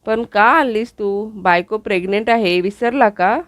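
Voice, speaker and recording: A woman's voice: medium pitch, a little slow, no room sound, natural voice. A woman voicing a fussy, sarcastic mother-in-law in a TV serial recap, reading her scolding lines in her own voice.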